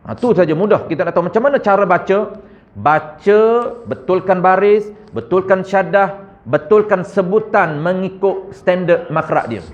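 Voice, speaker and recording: Malaysian man teaching Quran recitation. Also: high voice. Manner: corrective, demonstrates recitation slowly, drawn out; addresses audience as tuan-tuan, frequent "ha". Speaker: religious teacher. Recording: muffled lo-fi recording.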